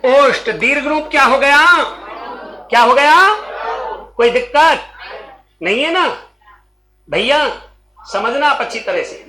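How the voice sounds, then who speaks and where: A man's voice: very high-pitched, pushed and bright, slight background noise, low-quality recording. A male coaching-class teacher, teaching a Hindi grammar lesson in a classroom and calling questions out to his students. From Rajasthan. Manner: calls out questions to students and repeats answers; slow, drawn-out teaching delivery.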